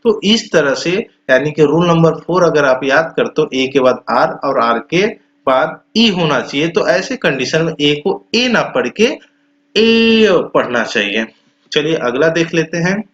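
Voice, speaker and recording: A man teaching English pronunciation in a lesson, repeating example words slowly and stretching the vowels. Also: a little high, a bit bright. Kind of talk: explanatory lesson. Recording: dull lo-fi sound.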